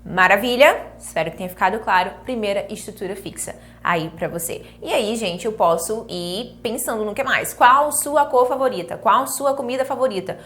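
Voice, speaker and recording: A Brazilian woman, a native Portuguese speaker, teaching an online English lesson, saying English phrases slowly and often checking that her students follow. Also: mid-range voice, fairly bright tone. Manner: slow drilled English phrases between brisk explanations; coaxing, checks in with the class often.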